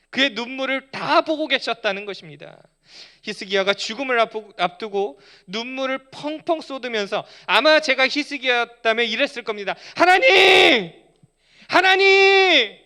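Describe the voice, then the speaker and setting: High, bright-voiced male pastor preaching. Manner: asks the congregation frequent rhetorical questions; pleading, emotive preaching with rising intensity. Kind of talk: Friday night sermon. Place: church sanctuary.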